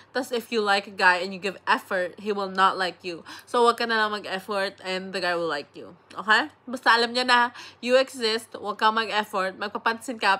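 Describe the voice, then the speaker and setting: Young Filipino woman, bright voice, sick, rambling casual vlog chat with frequent swearing. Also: medium pitch. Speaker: vlogger.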